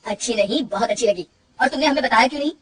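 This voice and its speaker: A woman's voice: fairly high pitch, very fast, far from the mic, natural voice. A woman doing a coaxing young husband. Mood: gentle. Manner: coaxing, pleading. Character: gentle loving young husband.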